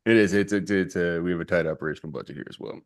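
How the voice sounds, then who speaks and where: A man's voice: low-pitched, very fast. A man hosting a casual stream, bantering loosely with guests. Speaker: host. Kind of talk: casual chat.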